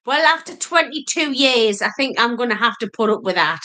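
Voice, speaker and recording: A woman's voice: fairly high pitch, lively intonation, brisk, bright, forceful tone. A woman co-hosting a casual live chat, chatty and teasing her husband. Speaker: livestream co-host.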